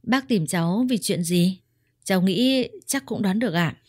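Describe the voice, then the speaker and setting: A woman's voice: mid-range voice, animated, normal speed, a little mellow, slightly rough, no room sound, studio quality. A woman voicing a smug young mistress who speaks in a mocking, insinuating way.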